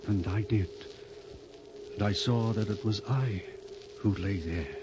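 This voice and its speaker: An actor playing a weary, melancholy President Lincoln in a 1950s radio drama, with a solemn, halting delivery. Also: male voice, on the low side, music in the background. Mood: haunted, grave. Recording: dull, noisy 1950s radio recording.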